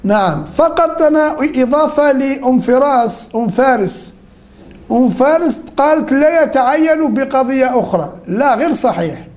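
In a lively, very high-pitched voice with a darkish tone, a male teacher keeps his class interactive. Questions come rapidly, answers get praised or corrected, and he slowly restates the essentials.

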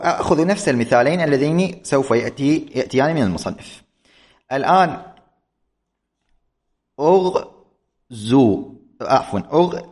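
A man teaching an Arabic grammar lesson, speaking slowly and deliberately and repeating key points. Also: medium pitch. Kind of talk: classroom lesson on verb forms.

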